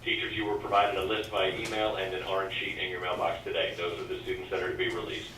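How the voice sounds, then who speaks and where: A man's voice: deep voice, flat delivery, fast, recorded from a distance, a little hiss or hum. A man reading school announcements over the intercom in a businesslike, formal way, repeating the key instructions. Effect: school intercom loudspeaker. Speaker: school staff member making announcements. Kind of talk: formal public-address announcement. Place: classroom, voice coming over the intercom. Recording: echoey loudspeaker heard from across a classroom.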